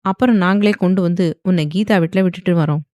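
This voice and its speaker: A woman voicing a calm, affectionate middle-aged father. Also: on the low side, a little fast, no echo, lightly acted.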